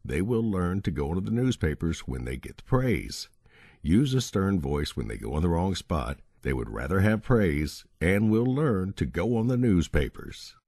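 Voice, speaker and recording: Male audiobook narrator, deep and mellow, lively intonation, reads instructions steadily. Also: normal speed, slightly rough, no echo, clean studio sound. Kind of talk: scripted narration of a dog-training book.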